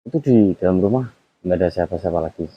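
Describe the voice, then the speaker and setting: A man, gently coaxing and questioning on location during a casual vlog about a haunted house. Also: deep voice, fast, breathy edge, muffled recording. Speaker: vlogger investigating a haunted house.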